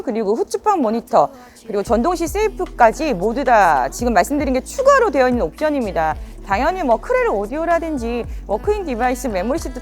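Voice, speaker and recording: A woman presenting a used car in a slick, polished sales pitch, full of rhetorical questions like a practiced dealer.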